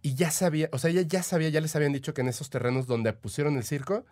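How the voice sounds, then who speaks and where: Racing along in a slightly high, darkish voice with fairly even intonation, a man with a Mexican accent tells stories as a podcast guest. The chat is casual, and he's eager and talkative, full of "o sea" and "este" fillers.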